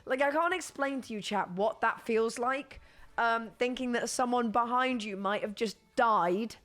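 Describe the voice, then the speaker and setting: Casually chatting to her stream viewers, a young British-accented woman sounds hoarse from losing her voice and rambles with frequent laughter. She speaks a little high and a little slow, with a bit of brightness.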